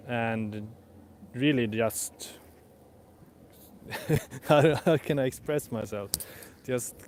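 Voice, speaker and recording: Man, non-native English speaker, mid-pitched voice, hesitant and repetitive, casual walk-and-talk vlog, outdoors. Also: a little hiss or hum. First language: not English. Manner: hesitant, rambling, repeats and rephrases. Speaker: vlogger. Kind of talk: casual spoken vlog, thinking aloud.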